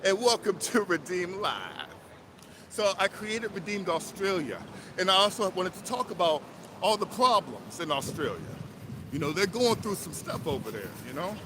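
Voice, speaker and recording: A man hosting a casual live stream, reading out viewer comments in a slangy, animated way that swings between loud outbursts and low mutters. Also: moderate pace. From United States. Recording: loud outdoor street and traffic noise.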